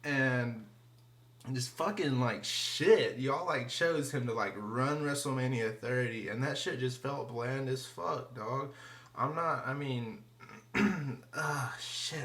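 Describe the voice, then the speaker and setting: A man's voice: medium pitch, fairly bright tone. A man rambling through a casual wrestling review, profane and slangy, full of fillers and often trailing off into mumbles. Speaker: wrestling vlogger.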